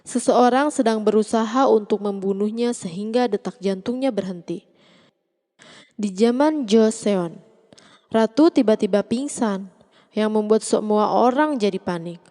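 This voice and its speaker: A woman narrates a scripted drama recap in a mellow, middle-pitched voice. Her timbre is rounded and relaxed rather than bright. The voice rings with long reverb, as if in a hall. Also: measured pace.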